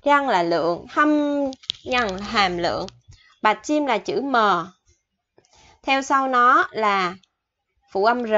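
A woman talks through a vocabulary lesson in an unhurried, chatty way, saying each word twice before she explains it. Her pitch sits in a middle range. The recording sounds dull and lo-fi. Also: a bit bright. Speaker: Korean language teacher.

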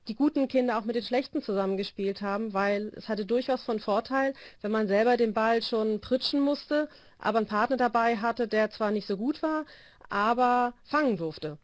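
A woman in her forties, who coaches volleyball, describes her training system in a video call interview, phone pressed to her ear. Her pitch is fairly high and there's no room sound, though she's in a small indoor space; her explanatory speech is full of hesitation fillers.

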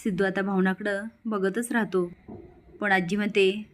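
A woman narrating a recap of a drama serial in a steady, plain storytelling manner. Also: mid-range voice, moderate pace.

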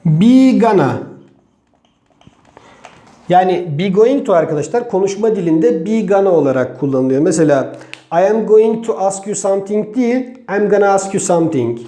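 A native Turkish-speaking man teaches English grammar at a slow, deliberate pace, breaking example sentences apart word by word. His voice sits high but sounds mellow and soft-edged. The recording rings with the echo of a bare room. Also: animated. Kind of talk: online grammar lesson.

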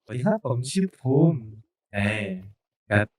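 A man's voice: medium pitch, sing-song, moderate pace, darkish tone. A man hosting a podcast, chatting casually and informally in a joking way. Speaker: podcast host. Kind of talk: casual podcast chat introducing a channel.

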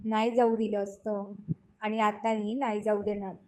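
A woman voicing a young husband in an audio story reading, earnest and pleading, in a slow, even voice. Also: medium pitch, natural voice. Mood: tender. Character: young husband, stern then tender.

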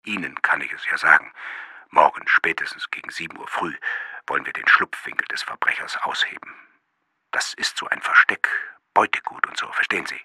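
A man reading an audiobook, voicing a rough, hoarse, pushy male police sergeant. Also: rumbling low, quick pace, few pauses, sharp tone, dry recording, clean studio sound, exaggerated voice. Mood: insistent.

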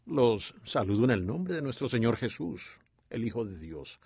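Man voicing a lively sermon dub. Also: mid-range voice, normal speed, gravelly, slightly rough, no echo. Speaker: sermon interpreter. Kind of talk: dubbed voice-over of a sermon.

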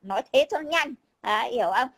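A woman's voice: fairly high pitch, lively intonation, brisk, gravelly, fairly bright tone, breathy edge, poor audio. A woman, talking bluntly and combatively in casual chat, swearing freely. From Vietnam. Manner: blunt, combative, swears, keeps repeating a tag word. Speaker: overseas Vietnamese guest.

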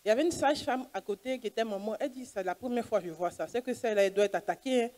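A woman's voice: a little high, rapid-fire, a little mellow. A woman doctor gives her testimony at church. She tells it earnestly and voices each exchange as she goes. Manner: earnest storytelling, plays out dialogue.

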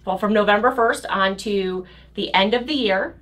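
A woman's voice: medium pitch, moderate pace, fairly bright tone. Young female promo co-host, casual. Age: young adult. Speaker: co-host of a motorcycle gear shop show. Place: indoor shop set.

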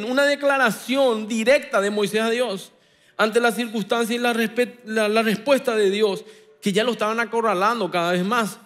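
A man with a Paraguayan Spanish accent, preaching a sermon with impassioned swings between loud declarations and quiet asides. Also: sits high, long reverb tail. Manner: impassioned preaching, rising and dropping sharply. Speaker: pastor.

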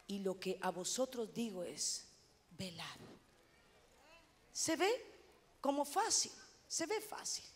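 A middle-aged woman pastor from Honduras, preaching a sermon in a loud, animated way with self-mocking humor. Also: mid-range voice, slow, long pauses.

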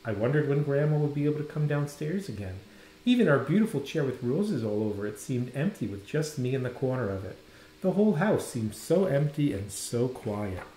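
A man reading a children's picture book aloud with an expressive read-aloud delivery, sometimes stopping to comment on the pictures. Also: mid-range voice, a little fast, a little hiss or hum. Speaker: storybook reader. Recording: roomy echo.

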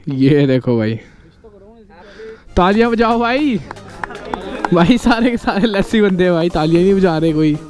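Young man, high voice, casual moto vlog, outdoors on city streets, excited, loud music behind. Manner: excited, keeps calling out to viewers. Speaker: moto vlogger. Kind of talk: casual vlog narration while riding.

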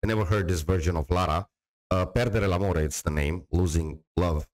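A middle-aged man with a low, deep voice talks close into a studio microphone in a small dim room. He chats loosely and rambles, restarting his sentences and filling gaps as he goes. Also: fairly quick, low-quality recording. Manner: rambling, with many restarts and fillers. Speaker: reaction channel host. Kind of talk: casual talk to camera. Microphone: studio mic on a boom, close.

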